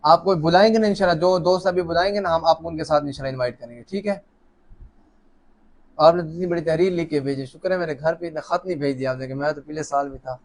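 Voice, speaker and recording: A man's voice: fairly high pitch, fast talker. Chatty man hosting a live draw. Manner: chatty, joking, warm greetings to viewers. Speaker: host of a live lucky draw. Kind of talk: casual live-stream chat, reading out names. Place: office, seated alone at a camera.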